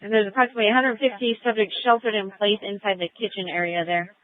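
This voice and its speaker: A woman's voice: mid-range voice, fast. Woman dispatcher on police radio. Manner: flat, businesslike dispatch reports. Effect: police scanner radio transmission. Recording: dull, dry radio audio.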